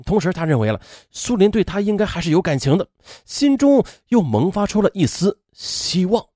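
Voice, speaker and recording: Lively folksy male storyteller. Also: sits high, no echo, studio quality. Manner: lively, folksy, with drawn-out filler sounds. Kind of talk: storytelling narration.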